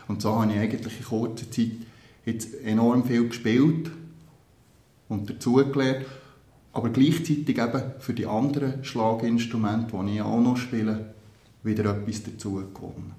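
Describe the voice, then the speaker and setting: A percussion teacher answers interview questions with earnest thought and slight hesitations. His voice is mellow and mid-range, delivered at a normal speed in a steady tone, and the recording has a roomy echo.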